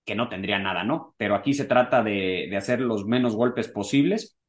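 A man's voice: fairly low pitch, normal speed. Rambling man talking golf. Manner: rambling, many fillers. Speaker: podcast co-host. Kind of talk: casual golf chat.

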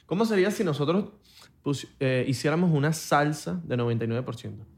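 A man's voice: fairly high pitch, brisk, vocal fry, darkish tone, breathy edge. A man, co-hosting a podcast in casual chat, joking and breaking into sung bits. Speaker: podcast co-host.

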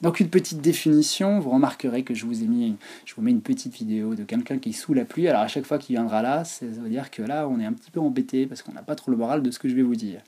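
A man's voice: medium pitch, quick pace, few pauses, warm tone, slightly rough. A man giving an informal, explanatory online lecture on physiotherapy.

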